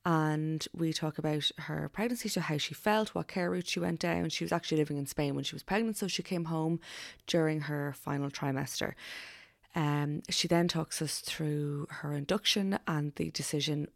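A woman with an Irish accent hosts a podcast in a low voice with plenty of vocal fry. She speaks earnestly and informally, and the sound is close and dry. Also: fairly even intonation, normal speed, dry recording. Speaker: podcast host. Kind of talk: podcast introduction and interview.

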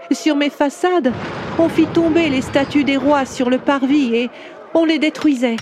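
A woman voicing an ancient, proud and gentle female cathedral that tells its own story in a tender, confiding way, for a storybook audio drama. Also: on the high side, a little hiss or hum, natural voice. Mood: sorrowful.

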